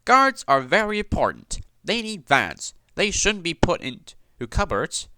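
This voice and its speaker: A kindly old engine who speaks gently and firmly, his voice dropping low for grave words, as a man puts him on. The read is lively and bright, recorded dry and close. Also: measured pace, smooth, no echo, exaggerated voice. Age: older.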